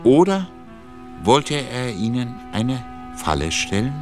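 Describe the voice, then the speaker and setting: A man narrating a German radio drama in a measured, dramatic storytelling manner. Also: mid-range voice, sing-song, a little mellow. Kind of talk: scripted radio-play narration. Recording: narration over a music bed.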